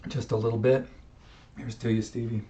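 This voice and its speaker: A musician speaking to camera in a personal tribute, reflective and heartfelt, pausing often with fillers, recorded on a webcam microphone. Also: male voice, medium pitch, little pitch movement, very noisy. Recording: roomy, distant, dull webcam sound.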